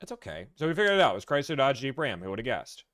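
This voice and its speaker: Live-stream host, man, smooth clear voice, mid pitch, rambling and teasing. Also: sing-song, fast, fairly bright tone. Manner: rambling, teasing, reads and answers chat comments. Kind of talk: casual live-stream chat.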